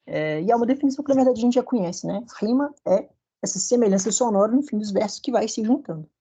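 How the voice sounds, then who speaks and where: Audio is dull as a man with a high, dark, husky voice speaks quickly in a Brazilian Portuguese accent. He's giving a recorded university lecture with slides, patiently explaining and checking in often with the class.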